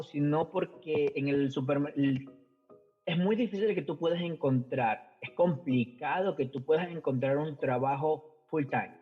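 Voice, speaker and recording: A middle-aged Ecuadorian man tells stories on a podcast in a slightly raised voice, stopping and restarting with fillers as he goes. The sound is muffled and lo-fi, with faint music underneath. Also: fairly high pitch. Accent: Ecuadorian Spanish. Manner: hesitant, fillers and repeated words. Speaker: podcast guest. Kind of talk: casual conversational storytelling.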